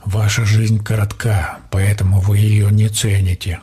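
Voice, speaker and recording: A man voicing a proud, trapped male water spirit with a gurgling, grunting voice, speaking slowly and drawn out. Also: fairly low pitch, level tone, dark tone, husky, soft background music. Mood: indignant. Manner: pleading then haughty, drawn-out slow speech.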